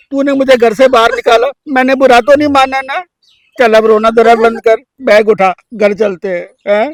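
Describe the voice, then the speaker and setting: A man playing a gentle high-voiced husband. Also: dry recording. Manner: soothing, coaxing. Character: forgiving gentle husband, older father. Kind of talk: village short-film acting.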